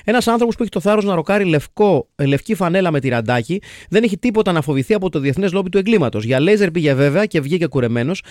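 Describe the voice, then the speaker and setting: A man with a fairly high voice hosts a casual podcast, reading listener comments aloud with quick, joking asides. His voice sits close and dry, with no room sound behind it. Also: animated, a little mellow, no echo. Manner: jokey, quick, mixes English phrases. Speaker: podcast host.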